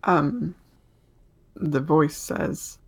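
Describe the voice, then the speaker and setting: A man improvising narration as a tabletop game master, halting as he searches for words. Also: on the high side, fairly bright tone, breathy edge.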